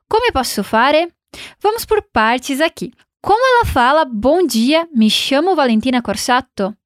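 A woman with a high voice teaching a recorded language lesson. She encourages the learner and slows down to model each sound for repetition. The recording is close and dry. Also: very animated, no echo. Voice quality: encouraging, models pronunciation slowly.

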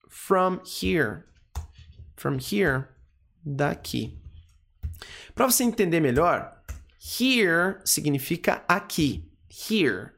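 A Brazilian English teacher with a gravelly, creaky edge to a mid-range voice. They walk through each phrase patiently, repeating words and checking in with the learners. The delivery is steady and instructional. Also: mid-range voice. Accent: Brazilian Portuguese. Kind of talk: English lesson explained in Portuguese.

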